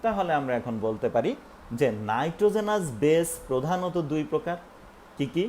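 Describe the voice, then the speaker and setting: Lively-voiced male teacher explaining a lesson. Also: fairly high pitch, moderate pace, a little hiss or hum. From Bangladesh. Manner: explains step by step, asks and answers own questions. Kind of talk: recorded online lesson with screen.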